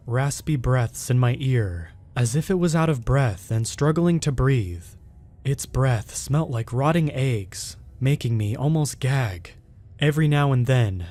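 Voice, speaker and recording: Male horror narrator, even and unhurried, mid-range voice, soft music bed. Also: mid-range voice. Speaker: storyteller.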